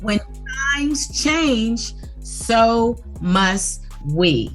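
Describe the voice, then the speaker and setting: A woman's voice: on the high side, sing-song, very slow, a bit bright, faint music behind. A woman hosting a casual podcast interview over a video call, upbeat and friendly with an easygoing street slang. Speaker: podcast host.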